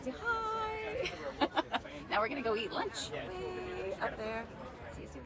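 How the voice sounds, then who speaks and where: A woman's voice: on the high side, very animated, measured pace, music in the background, rough recording. A woman narrating a casual travel vlog in a chatty, upbeat way, with fillers. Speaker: travel vlogger.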